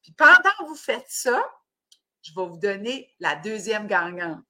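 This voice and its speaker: A woman's voice: medium pitch, big pitch swings, a little slow, pushed and bright. A woman with an Acadian French accent hosting a casual fitness live stream, upbeat and cheering, slipping English words into her talk. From New Brunswick, Canada.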